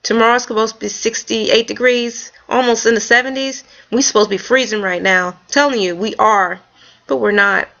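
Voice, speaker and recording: A woman vlogger telling a story in a casual, animated, folksy way. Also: fairly high pitch, normal speed, gravelly. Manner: animated, folksy storytelling with Southern-leaning speech. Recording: dull lo-fi home video.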